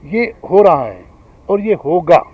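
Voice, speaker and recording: A man with a notably high-pitched voice delivers a public lecture. He argues his case earnestly and keeps a steady lecturing pace. He sounds middle-aged. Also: slow, highs cut off. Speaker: guest speaker.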